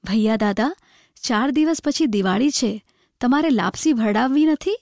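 A woman's voice: on the high side, animated, normal speed, darkish tone, dry recording, studio quality. A woman doing an eager little village girl. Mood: coaxing. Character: little peasant girl, affectionate and lively.

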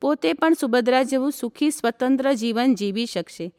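Woman narrator, high voice, calm storybook reading, long hall reverb. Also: moderate pace.

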